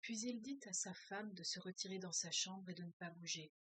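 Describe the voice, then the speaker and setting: A woman who teaches French as a foreign language reads a novel aloud, breaking off to comment in hesitant, thinking-aloud speech full of filler sounds. Her voice is fairly low, a little fast, sharp and slightly rough, in a dry recording.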